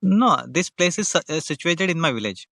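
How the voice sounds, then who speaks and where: A man's voice: fairly high pitch, very animated, normal speed, creaky, a bit bright, dry recording, studio quality. A man from India with an Indian English accent, hosting a friendly, teasing English practice chat over a video call and repeating his questions. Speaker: conversation practice host.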